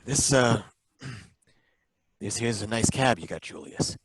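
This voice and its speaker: A man's medium-pitched voice, touched with vocal fry, plays a bumbling, suspicious license inspector in a live old-time radio drama. His questions come out halting and probing, with background noise behind him.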